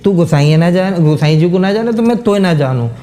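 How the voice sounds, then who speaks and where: A man's voice: high voice, animated, brisk, dark tone, faint music behind. A man voicing a simple-hearted cowherd who speaks in a hurt, sulky way with a rustic Braj accent.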